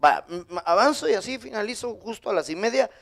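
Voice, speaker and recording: A Guatemalan man preaching a sermon as pastor, lively, with sudden high emphatic bursts. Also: quick pace, vocal fry. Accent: Guatemalan Spanish.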